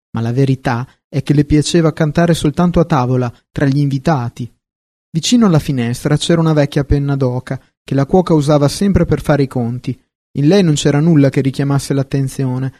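Man narrating a fairy tale, dark voice. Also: fairly high pitch, no room sound, clean studio sound. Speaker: audiobook narrator.

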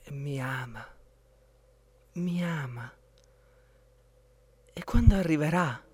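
A man voicing a gentle, dreamy young princess in a storybook tale, speaking softly. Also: a little high, animated, slow pace, breathy edge, exaggerated voice.

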